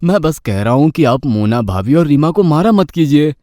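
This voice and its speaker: A man's voice: fairly high pitch, expressive, moderate pace, dark tone, no room sound, clean studio sound, close to an everyday voice. Man voicing an earnest, firm young husband. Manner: firm, concerned.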